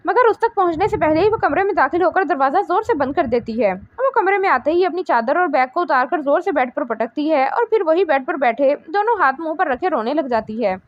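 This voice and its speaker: A woman narrating a romance novel aloud in a steady storytelling manner. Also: high-pitched, brisk, hardly any pauses, dry recording. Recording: dull lo-fi recording.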